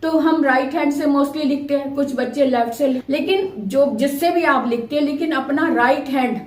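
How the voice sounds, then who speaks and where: Woman teacher, high-pitched, patient and repetitive, drawing out sounds for kids; echoey room. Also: moderate pace. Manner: patient, repeats and stretches sounds to demonstrate. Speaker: Hindi teacher. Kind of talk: explanatory lesson for children.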